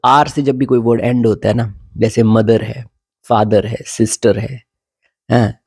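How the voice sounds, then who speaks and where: Gravelly husky man teaching pronunciation. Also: medium pitch, dark tone, no room sound. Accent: Indian English. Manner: slow deliberate English lines, repeating example words many times. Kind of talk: casual YouTube lesson mixing Hindi and English.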